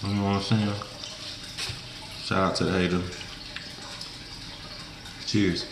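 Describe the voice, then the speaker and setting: A man's voice: sits low, little pitch movement, slow pace, vocal fry, roomy sound, noisy background. A young man with a rural Mississippi Southern accent, chatting casually and colloquially to viewers as a food vlogger. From Mississippi, USA. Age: young adult. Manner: colloquial, folksy, informal slang. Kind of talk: casual mukbang chat to viewers. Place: small indoor room, seated at a table.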